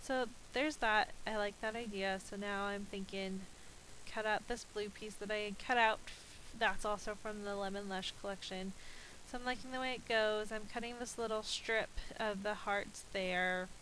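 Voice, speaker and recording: In a rough recording with a bit of hiss or hum, a woman who makes scrapbooking videos narrates her crafting at a moderate pace. Her medium-pitched, slightly bright voice has fairly even intonation and a mild nasal stuffiness from a cold, and she peppers her casual chat with ums.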